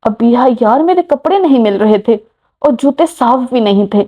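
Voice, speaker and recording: A woman's voice: a little high, animated, moderate pace. A woman voicing an easygoing, untidy young man in a romance story. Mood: casual. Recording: muffled lo-fi recording.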